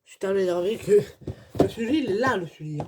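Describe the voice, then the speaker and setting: A woman's voice: mid-range voice, expressive, quick pace. A woman vlogging as she opens an advent calendar, chatting casually and grumbling in exasperation, with laughs in between. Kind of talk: casual unboxing chat. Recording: noisy with crinkling packaging. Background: clicks and crinkling wrappers.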